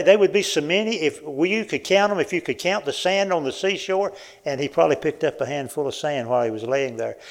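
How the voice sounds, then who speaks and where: With a gravelly, mid-range voice, a man delivers a folksy, animated sermon, frequently putting questions to the congregation.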